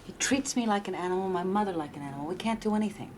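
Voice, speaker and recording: A woman's voice: medium pitch, expressive, noisy background, close to an everyday voice. An actress playing a fiery young female garment worker who speaks up against mistreatment. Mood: indignant. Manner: spirited, indignant, quick.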